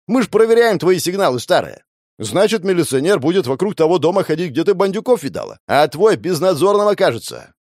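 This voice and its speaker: A man reading an audiobook, voicing a blunt police officer who shouts at an old woman and mutters scornful asides. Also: a little high, huge pitch swings, a little fast, no echo, clean studio sound, voice pushed up. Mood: bullying. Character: gruff blunt male police officer, loud and mocking.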